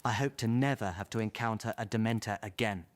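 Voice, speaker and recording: A man playing an excitable, eccentric time traveller in a fan audio drama, rambling theatrically to himself. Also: fairly low pitch, fairly quick, no echo, close to an everyday voice. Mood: bewildered. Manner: theatrical, rambling self-talk.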